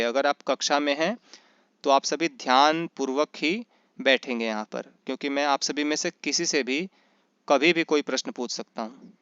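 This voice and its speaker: A man teaching Sanskrit in an online class, asking questions and answering them himself, and slowly chanting grammar rules. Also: mid-range voice, fairly bright tone, smooth, no echo, dull audio. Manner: often checks in with "is that right?". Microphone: computer mic in an online class.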